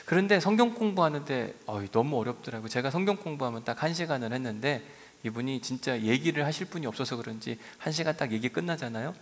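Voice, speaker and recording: A middle-aged male pastor preaching a sermon, telling stories with lively swings between soft asides and raised emphasis. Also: medium pitch, fast. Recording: long hall reverb.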